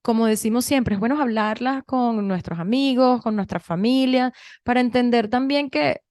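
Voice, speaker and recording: A woman in her thirties from Venezuela with a Venezuelan Spanish accent, co-hosting a podcast and telling stories in a chatty, animated way with many restarts. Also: fairly high pitch, moderate pace, no room sound, clean studio sound. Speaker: podcast co-host. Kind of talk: casual conversation.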